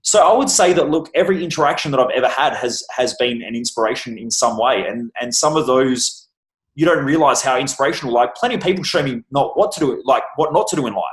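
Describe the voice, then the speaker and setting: A man's voice: mid-range voice, animated, fast talker. Blunt swearing man, echoey room. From Australia. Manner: blunt, emphatic, swears freely. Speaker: guest, success coach. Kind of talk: casual podcast interview. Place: room with a bookshelf.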